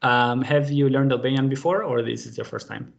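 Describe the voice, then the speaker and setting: A man leads a live online group language lesson over a video call, patient and friendly, using many fillers. He speaks a little fast in a gravelly, medium-pitched voice with fairly even intonation, and the call audio is dull and lo-fi.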